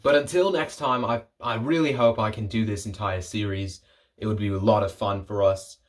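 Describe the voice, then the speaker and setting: A young man with a lowish voice rambles through casual solo commentary for his video channel. He jokes as he goes and keeps breaking off his own sentences. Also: steady tone, moderate pace. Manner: rambling, jokey, self-interrupting. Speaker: vlogger.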